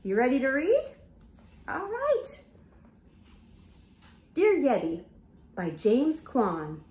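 An older woman whose voice sits high reads a picture book to young children very slowly, adding gasps and whispers for lively effect. It's recorded on camera in an echoey room at her home.

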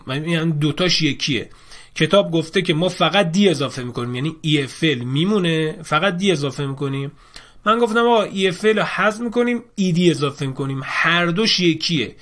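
A man runs a classroom grammar lesson in a somewhat high voice. He explains each rule patiently and circles back to repeat the key points. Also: a bit bright. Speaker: English teacher.

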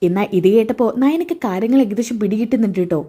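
A woman's voice: fairly high pitch, fast, mellow, breathy edge. A woman retelling a television serial episode in a chatty way, with asides to her listeners. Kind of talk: casual story retelling.

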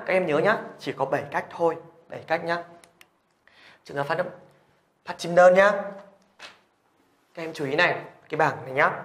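A man's voice: on the high side, fairly bright tone, echoey room. A man teaching a language lesson, patiently repeating questions to check that students follow. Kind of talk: classroom lesson explanation.

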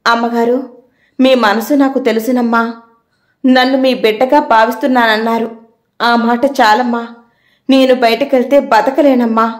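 A woman's voice: a little high, steady tone, normal speed, long pauses, echoey room, natural voice. A woman voicing a timid, devoted young servant girl who speaks deferentially. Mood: pleading. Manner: pleading, deferential.

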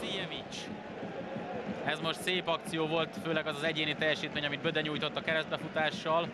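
Slightly high-voiced man, Hungarian sports commentary. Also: level tone. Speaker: football commentator. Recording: broadcast over loud stadium noise. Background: loud stadium noise.

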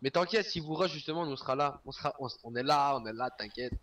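A man's voice: mid-range voice, fast talker, a bit bright, distant mic, highs cut off. A young man in a headset chatting casually and joking crudely with friends during an online game. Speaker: gamer on voice chat. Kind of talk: casual gaming chat.

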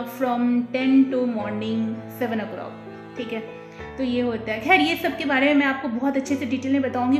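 A young woman with a slightly high voice chats easily to her viewers. She talks with fillers and small laughs, filming herself on a phone camera in her kitchen. The room sounds echoey and faint music plays behind her. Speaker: vlogger. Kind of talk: casual chatty vlog. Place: home, quiet flat in the kitchen.

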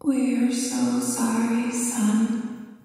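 A woman voicing a brainwashed farm couple in a flat monotone, as whispered role-play. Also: fairly high pitch, extremely slow, very echoey, in a large hall, far from the mic, soft background music. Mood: hollow monotone.

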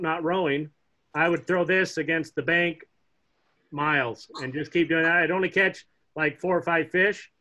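A middle-aged man teaching a casual online fly fishing class from home, chatty and relaxed, joking with the kids as he shows flies on a webcam. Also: fairly high pitch. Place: home room, indoors. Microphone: laptop webcam on a video call. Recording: dull lo-fi video call audio.

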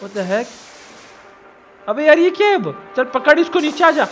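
A man's voice: very high-pitched, sing-song, a little slow, fairly bright tone, soft background music. A man giving casual let's-play commentary, teasing and scolding the character he controls. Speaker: gamer.

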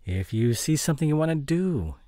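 A man playing a gentle, devoted boyfriend in an intimate audio role-play, speaking in a soft, breathy, soothing bedside voice. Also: fairly high pitch, very animated, fairly quick, no room sound, clean studio sound. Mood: gentle, coaxing.

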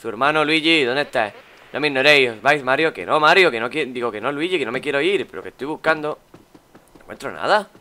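Chatting and exclaiming through a let's play, this young YouTuber from Spain mutters as he searches in the game. His medium-pitched voice is expressive, fast, pushed, and bright.

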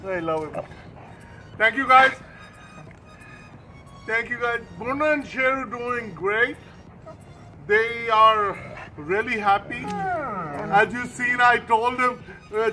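A man's voice: very high-pitched, slow, long pauses, bright, forceful tone, soft background music, rough recording. A man hosting a casual home vlog, calling his dogs with repeated coaxing words and thanking his viewers in plain, simple phrases. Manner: grateful, plain thank-you talk to viewers. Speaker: channel host and dog owner. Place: at home, indoors.

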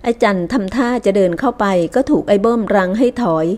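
A woman narrates an audiobook. Her storytelling is measured and even. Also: mid-range voice. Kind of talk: scripted narration.

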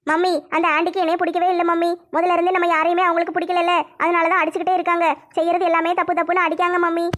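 A woman plays a crying young bride-to-be who pleads and whines. Her voice is very high and quick, with a flat tune. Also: a little hiss or hum. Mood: tearful. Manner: whiny, pleading. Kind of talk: comedy skit.

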